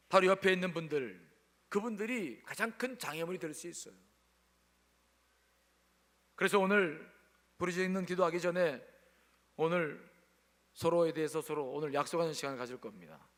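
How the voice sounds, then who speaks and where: A man's voice: a little high, fairly bright tone, big-room sound. A male pastor preaching a sermon at a church service, speaking emphatically and calling on the congregation to answer aloud.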